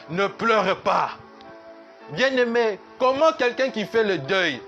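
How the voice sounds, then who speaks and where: A man's voice: high-pitched, fairly bright tone. A man pastor, preaching a sermon at a church service in an emphatic, repetitive way that slips into sung lines.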